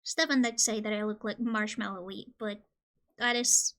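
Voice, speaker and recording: A woman from Colombia streaming casually, joking and reading game questions aloud, with sudden loud squeals. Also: mid-range voice, fairly even intonation, moderate pace, slight background noise.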